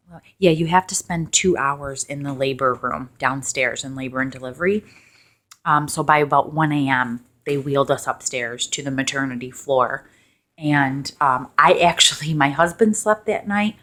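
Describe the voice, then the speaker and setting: Low-voiced young woman, soft chatty storytelling. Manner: chatty, lots of "like" and "um", hushed in places. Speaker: vlogger. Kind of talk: soft-spoken storytelling, sort of ASMR.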